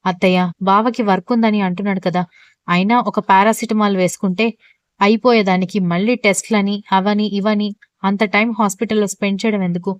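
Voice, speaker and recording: A weary young wife, feverish and meek, protesting softly, as a woman reading the story puts her on. The voice is smooth and recorded dry and close. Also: mid-range voice, fairly even intonation, a little fast, dry recording, natural voice. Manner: soft, weak protest.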